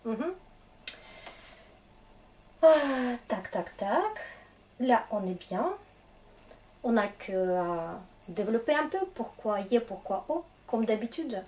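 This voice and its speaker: A woman's voice: medium pitch, expressive, measured pace, a little mellow, recorded from a distance. A woman teaching a grammar lesson in a casual, chatty way, often checking in with her students to encourage them. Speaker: Russian teacher.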